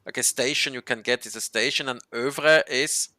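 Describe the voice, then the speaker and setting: Bright, crisp-voiced man. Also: mid-range voice, no room sound, studio quality. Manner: halting, restarts often, explains local words. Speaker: host. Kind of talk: casual chat.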